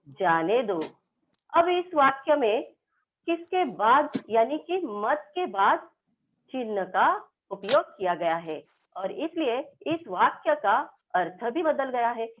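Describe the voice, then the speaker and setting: A woman teacher with a Marathi accent, slowly explaining a grammar lesson step by step to schoolchildren. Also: a little high. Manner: slow, explaining step by step to children. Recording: tinny phone-like sound.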